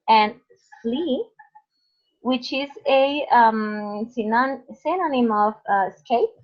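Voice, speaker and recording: Slow, high-voiced woman teaching online. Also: slightly rough. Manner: patient, explains slowly with many fillers. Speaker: English teacher. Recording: dull lo-fi online call audio.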